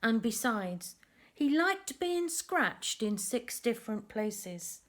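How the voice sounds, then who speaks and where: With a voice that's a little high, a woman reads a picture book to young kids. She emphasizes words in an expressive, deliberate way and chats about the illustrations as she goes.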